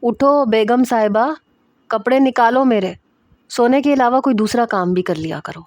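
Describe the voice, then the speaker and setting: A woman's voice: on the high side, darkish tone, dry recording, lightly acted. A woman reading as a curt, taunting young husband. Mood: commanding. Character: stern, mocking young husband in uniform. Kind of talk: storybook reading.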